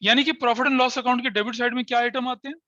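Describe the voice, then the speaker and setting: A man's voice: very high voice, steady tone, fast talker, bright, forceful tone, dry recording, highs cut off. A man teaching a class step by step, who often asks his students questions and mixes in English terms. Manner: explains step by step with frequent checking questions to students. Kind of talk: classroom lecture.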